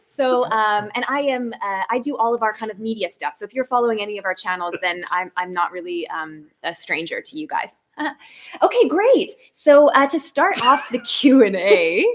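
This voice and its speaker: A young Canadian woman, a host and media lead, runs a casual live stream chat, giggling and packing her speech with ums and likes. Her voice is a little high and expressive at a normal pace, with slight background noise.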